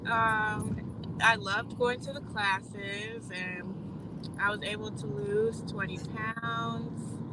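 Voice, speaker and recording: A woman calling in by phone while driving, answering interview questions hesitantly with many pauses. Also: medium pitch, fairly even intonation. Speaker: podcast guest, coaching client. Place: moving car. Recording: loud car road noise over phone line.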